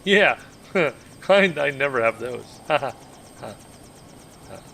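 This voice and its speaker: A man's voice: medium pitch, animated, takes it slowly, gravelly, a bit bright, a little hiss or hum. A man streaming a video game, making joking, sarcastic asides as he plays. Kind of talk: live game commentary.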